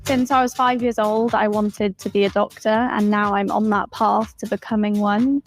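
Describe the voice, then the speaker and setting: 22yo welsh-born med student, confident and earnest, mid voice. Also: female voice, medium pitch, fairly even intonation, normal speed, faint music behind. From Wales. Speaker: pageant contestant, medical student. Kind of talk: recorded self-introduction.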